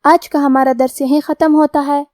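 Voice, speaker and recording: Woman teaching tajweed, high voice, dry close sound, goes through every letter step by step. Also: little pitch movement, darkish tone, dry recording. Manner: measured, explains each letter rule step by step. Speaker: Quran recitation teacher. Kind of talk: tajweed lesson with slow recitation.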